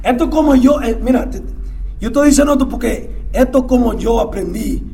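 High-voiced Dominican man, story in bursts. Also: a little fast, creaky, slight background noise. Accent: Dominican Spanish. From Dominican Republic. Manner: mixes English fillers into Spanish, stammers and repeats words; swings from quiet murmurs to loud bursts. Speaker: recovering addict sharing his story. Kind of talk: casual testimony.

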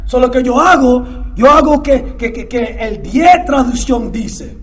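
A middle-aged Dominican man telling his recovery story in casual, repetitive talk, dropping English fillers into his Spanish and swinging between quiet murmurs and loud outbursts. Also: very high-pitched, measured pace. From Dominican Republic. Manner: mixes English fillers into Spanish, stammers and repeats words. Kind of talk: casual testimony.

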